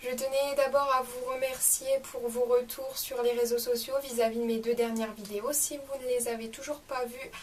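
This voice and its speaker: Young woman vlogger, bright higher voice, chatty product review, mic a bit distant with faint hiss. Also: flat delivery, fairly quick, hardly any pauses. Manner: chatty, enthusiastic, many fillers. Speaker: beauty vlogger. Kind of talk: casual product review vlog. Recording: slightly distant mic with faint room noise.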